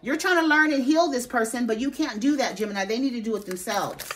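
A woman giving a casual tarot reading, sassy and expressive, swearing freely and talking straight to her viewers. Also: a little high, quick pace. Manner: talks straight to viewers, asks spirit aloud. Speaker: tarot reader.

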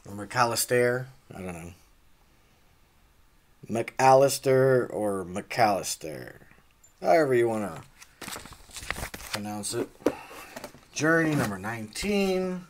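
A man's voice: medium pitch, expressive, measured pace, pauses often, slight background noise. A man casually unboxing comics, rambling, trailing off and swearing offhandedly. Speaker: comic unboxing channel host.

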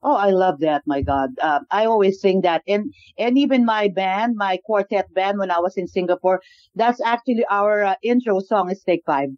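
A woman from the Philippines with a Filipino accent, a singer-songwriter chatting quickly as an interview guest. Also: medium pitch, dry recording, highs cut off. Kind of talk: casual interview.

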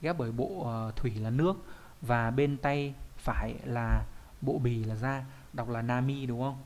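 A man's voice: medium pitch, measured pace, a little mellow. A man, a Japanese teacher explaining kanji in an online lesson, often asking questions and answering them himself.

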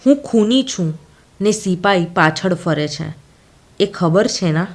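A woman's voice: fairly low pitch, expressive, takes it slowly, full character voice. A woman voicing a hunted young man, a fugitive son, who speaks in a choked, tearful, urgent way in an audiobook story. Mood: remorseful urgent.

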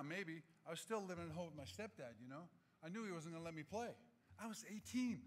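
A man in his sixties giving an animated, humorous acceptance speech from a podium microphone in a large auditorium. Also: a little high. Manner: animated, gesturing, humorous anecdotes.

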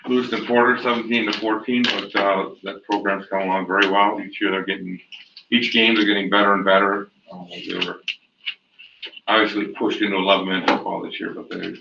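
A man on a school board speaking in a halting way with many pauses and blunt opinions. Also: on the low side, vocal fry. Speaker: board member. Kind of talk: meeting remarks. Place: school library meeting room. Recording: roomy, distant, noisy lo-fi mic.

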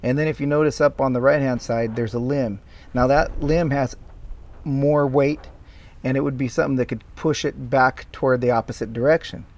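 A man's voice: mid-range voice, steady tone, normal speed, a little mellow. Plain-spoken man explaining his work. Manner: plain, explanatory, with many fillers and restarts. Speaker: tree care worker explaining his video. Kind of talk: casual voice-over commentary.

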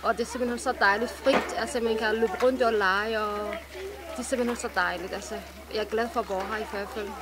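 A middle-aged mother speaking outdoors beside a house, cheerful and full of fillers. Her voice is fairly high. Loud outdoor noise runs behind her throughout. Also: steady tone. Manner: cheerful, repeats "altså" as filler. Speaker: resident, mother. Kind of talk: vox pop interview.

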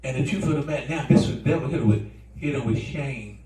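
A man preaching a sermon, swinging between soft asides and shouts, answering the congregation. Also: medium pitch, quick pace, distant mic. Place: church. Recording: echoey church room, mic from afar.

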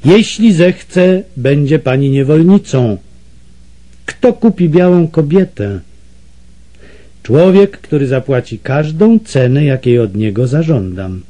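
Storybook villain: man reading a mocking, menacing trader, dark-toned, lively contour. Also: a little high, slow. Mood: sneering, menacing. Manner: sneering and menacing. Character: scheming, mocking Portuguese male slave trader.

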